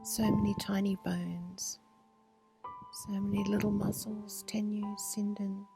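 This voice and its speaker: A woman guiding a meditation outdoors at a retreat, speaking slowly and soothingly and often sinking into soft whispers. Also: mid-range voice, monotone, vocal fry. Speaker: meditation guide. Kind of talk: guided meditation. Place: outdoor retreat under a pyramid structure. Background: instrumental music.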